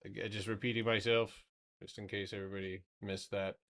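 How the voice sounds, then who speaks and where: Stream host, man in his 30s, low pitch, forceful and chatty, swears and laughs. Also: level tone, brisk. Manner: loose and chatty, swears, laughs, answers chat. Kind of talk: casual live-stream chart commentary.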